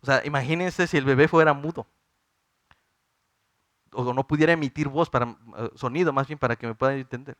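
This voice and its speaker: A man's voice: medium pitch, a little fast, long pauses, fairly bright tone, no echo. A man in his thirties with a Mexican Spanish accent, preaching a sermon in an earnest, pleading way to his congregation. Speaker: pastor.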